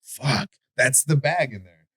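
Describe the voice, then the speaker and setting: A man with a Chicago accent co-hosting a podcast in casual debate chat, animated and profane, stumbling and restarting his sentences. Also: medium pitch, unhurried, slightly rough, dry recording. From Chicago area. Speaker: podcast co-host.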